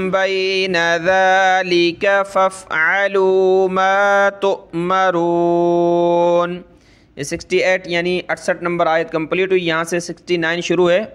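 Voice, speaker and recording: A man with a Pakistani Urdu accent teaching Quran recitation, chanting verses slowly and melodically, then explaining pronunciation rules at a brisk pace. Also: a little high, a bit bright, clean tone. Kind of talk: tajweed lesson, slow chanted recitation alternating with quick explanation.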